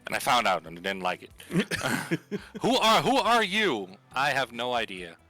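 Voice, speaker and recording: A man in a joking let's play, reading game text and exclaiming with comic stammered repeats. His pitch is lively and his tone bright and forceful, with music underneath. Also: unhurried. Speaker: video game let's player. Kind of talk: casual joking playthrough chat, reading game text aloud.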